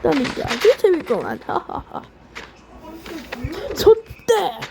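A woman playing a game on camera, yelling and cursing while acting out lines for the characters in her match. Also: high voice, huge pitch swings, slow, creaky, background noise. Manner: shouty, swears, switches between playful role-play and yelling. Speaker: gaming YouTuber. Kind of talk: excited gameplay commentary with role-play voices.

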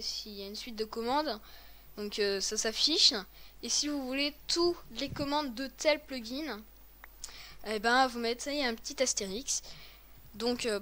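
A woman's voice: high voice, pushed and bright, a little hiss or hum. A woman hosting a casual game tutorial with a friend, talking in a chatty, hesitant way with many fillers and restarts. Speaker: host of a game tutorial video.

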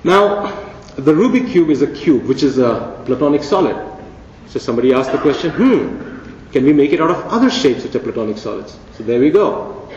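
A man's voice: a little high, a little mellow, a little hiss or hum. A man giving a conference keynote lecture, conversational and playful, with rhetorical questions. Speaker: keynote speaker. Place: large conference hall. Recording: dull, echoey hall recording from a distance.

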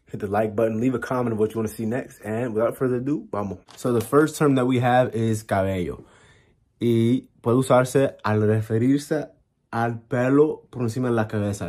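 Young guy teaching spanish words from his bedroom, laid back, talks slow, mixes in, phone camera. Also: medium pitch. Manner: relaxed, mixes English and Spanish, explains with gestures. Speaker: language teacher vlogger. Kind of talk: casual bilingual lesson to camera. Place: small bedroom, indoors. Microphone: camera at arm's length.

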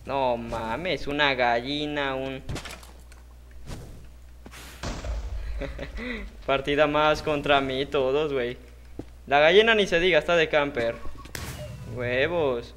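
A man with a Mexican accent giving casual, excitable commentary over his own gameplay, with sudden shouted outbursts and slang. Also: mid-range voice, measured pace, slight background noise. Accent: Mexican Spanish.

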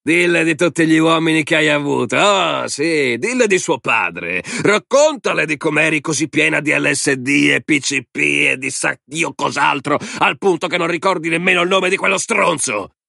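A man's voice: on the high side, lively intonation, creaky, sharp tone, no room sound, studio quality, pitched above the performer's own voice, exaggerated voice. A man doing a sneering drunk brute. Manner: sneering, taunting, drawn-out words. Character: drunk, crude, mocking man, hostile stepfather type.

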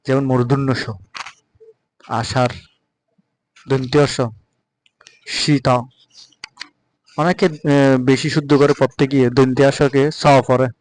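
A man with a Bengali accent giving a patient spoken pronunciation lesson, repeating example words slowly. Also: mid-range voice, flat delivery, darkish tone, slight background noise, rough recording. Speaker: Sanskrit recitation teacher.

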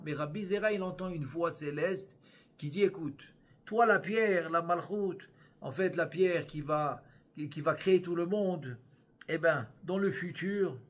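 A rabbi teaching a Kabbalah lesson. He reads the Aramaic text slowly in a sing-song, then explains it with many repetitions and restarts. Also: a little high, a bit bright. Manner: repeats phrases and restarts while explaining.

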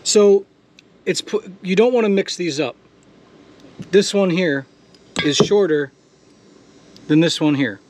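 A man with a slightly high voice talks through a hands-on repair in a casual, matter-of-fact way. He speaks outdoors into a camera microphone. A faint hiss of open air sits behind him. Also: slow pace, pauses often, darkish tone. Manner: casual, step-by-step, swears when frustrated. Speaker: DIY mechanic host. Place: outdoors beside a jet ski.

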